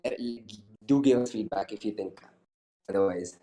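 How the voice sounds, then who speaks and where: A man's voice: fairly low pitch, normal speed, a crowd in the background, rough recording. A man who founded a startup, answering interview questions over a video call in a rambling way full of fillers and restarts.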